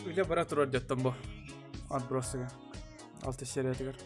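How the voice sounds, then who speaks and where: A man's voice: medium pitch, fairly even intonation, a little fast, over music. A young man chatting casually in slang and swearing as he streams a game. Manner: slangy, profane, laughing often. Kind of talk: casual chat over gameplay.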